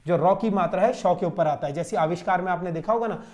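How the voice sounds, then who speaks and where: High-voiced exam coach drilling answers. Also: male voice, fast talker, a little mellow. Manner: repetitive drilling, rhetorical questions answered himself. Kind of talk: classroom exam-solution lecture. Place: classroom standing at a board.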